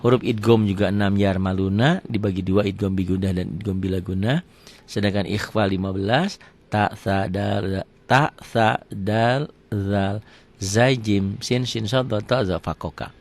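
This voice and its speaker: A man's voice: lowish voice, steady tone, darkish tone. Patient male Quran recitation teacher. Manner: patient, repeats words slowly, asks and answers his own questions. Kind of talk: explaining tajwid rules to students.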